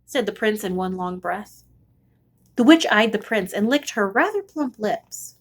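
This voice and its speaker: A woman reads a children's picture book aloud as an expressive storyteller, her mid-range voice moving at a measured pace with a breathy edge.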